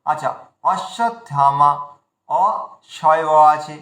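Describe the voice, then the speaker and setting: High bright-voiced man teaching pronunciation. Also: animated, echoey room. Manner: slow, repeats words syllable by syllable to demonstrate. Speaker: Sanskrit recitation teacher. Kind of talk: online pronunciation lesson.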